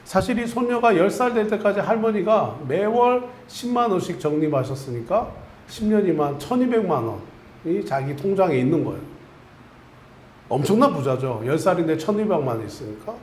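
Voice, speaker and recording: Telling a story to his congregation, this pastor leads them in repeating a phrase during his Sunday sermon. His voice sits high and is expressive and darkish at normal speed. It's recorded in an echoey church sanctuary with a little hiss or hum.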